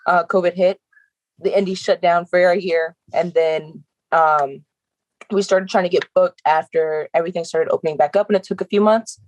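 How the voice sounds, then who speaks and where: A woman's voice: lowish voice, steady tone, moderate pace, rough recording. A young adult woman, a professional wrestler, talking earnestly and reflectively in an interview, often breaking into laughs. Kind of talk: casual interview talk.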